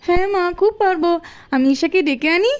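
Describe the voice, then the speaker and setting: A woman's voice: extremely high pitch, lively intonation, fairly quick. A woman voicing an eager, caring schoolgirl in a doll cartoon. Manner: eager, pleading.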